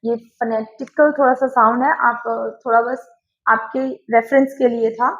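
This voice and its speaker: Indian woman, high pitch, patient phonics teacher, dull echoey room. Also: little pitch movement. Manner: slow, careful drilling of word pairs. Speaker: English teacher. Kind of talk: phonics lesson.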